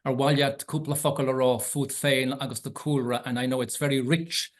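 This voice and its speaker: An Irish man hosting a bilingual webinar over a video call, measured and earnest, with occasional ums. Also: mid-range voice, fairly even intonation. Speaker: webinar host.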